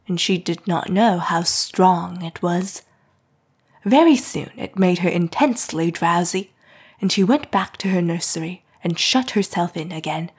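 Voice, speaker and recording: Soft-spoken, breathy woman narrator. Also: on the low side. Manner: soft, hushed reading. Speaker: audiobook narrator. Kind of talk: scripted narration of a classic novel.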